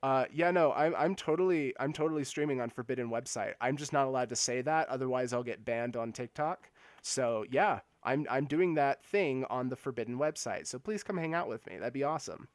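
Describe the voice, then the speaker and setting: Here the streamer has a mid-range voice, talking a little fast with no room sound. He chats casually with viewers while playing, laughing frequently, stammering, and repeating words.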